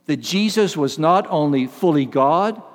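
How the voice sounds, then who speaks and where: Male pastor, earnest, rhetorical; slightly high voice, recorded with long hall reverb. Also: animated, unhurried. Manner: earnest, repeats key phrases, asks rhetorical questions. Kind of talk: expository sermon.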